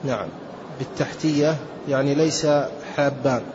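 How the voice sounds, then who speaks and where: A student reading a classical text aloud in a steady recitation. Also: male voice, on the high side, normal speed. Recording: dull lo-fi recording with faint hiss.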